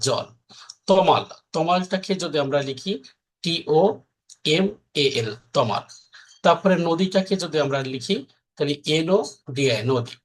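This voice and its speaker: A man, teaching a recorded exam-prep lesson in a conversational way, explaining step by step and often checking that his listeners follow. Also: a little high.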